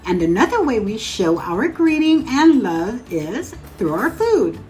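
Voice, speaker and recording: A woman's voice: on the high side, big pitch swings, measured pace, darkish tone. A woman from Guam hosting a home cooking show, narrating a recipe in a chatty, instructional way and speaking straight to viewers.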